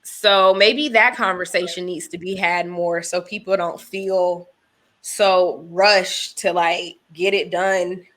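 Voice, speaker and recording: A woman in her thirties co-hosts a podcast, working through her points with examples in a relaxed, thoughtful chat. Her voice is fairly low and a bit bright, with a steady tone and an unhurried pace.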